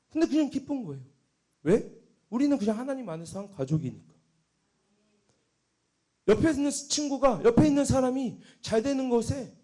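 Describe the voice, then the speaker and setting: A young male junior pastor delivers a sermon in a high voice. His pitch rises and falls widely as he moves between fervent exclamations and quieter asides. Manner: emphatic, swings from loud exclamations to hushed quotes.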